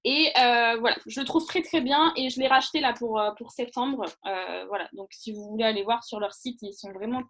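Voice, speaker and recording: Brief: chatty woman trainer, slightly high voice, rambles with fillers, live video call. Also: fairly quick, few pauses, fairly bright tone. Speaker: online training presenter. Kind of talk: casual live training talk.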